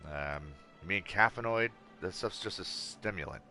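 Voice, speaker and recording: Casual male let's play host: lowish, very bright voice, unhurried, wry, game music behind. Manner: wry, joking asides to characters. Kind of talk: casual gameplay commentary.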